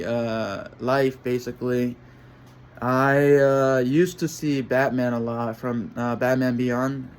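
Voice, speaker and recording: Halting, rambling male vlogger. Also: mid-range voice, a little hiss or hum. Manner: halting and rambling, searching for words. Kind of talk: casual monologue to camera.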